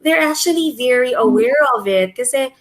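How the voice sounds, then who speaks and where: A woman teacher talking through her observations of students in a casual discussion, switching between two languages and pausing often with um. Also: sits high, animated, rough recording. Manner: thoughtful, many um fillers.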